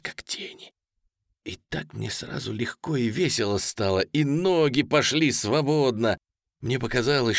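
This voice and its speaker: A man reads a first-person war novel aloud, telling it with animated expression. His pitch moves in a lively way at a middle height. The sound is close and dry. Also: vocal fry, breathy edge, dry recording. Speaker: audiobook narrator.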